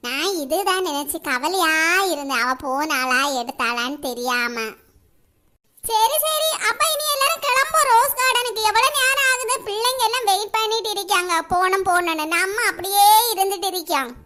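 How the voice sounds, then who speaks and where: Fretful village aunties gossip and fuss in a cartoon, as a woman puts them on. The tone stays bright and clear, chatty and worried. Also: lively intonation, moderate pace, heavily acted. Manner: chatty, worried, lower and plainer than the kids. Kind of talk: cartoon voice acting.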